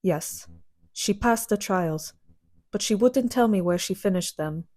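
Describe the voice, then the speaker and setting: A woman's voice: medium pitch, unhurried, a little mellow, natural voice. A woman playing a stern, fiery young woman warrior who speaks in blunt, clipped lines.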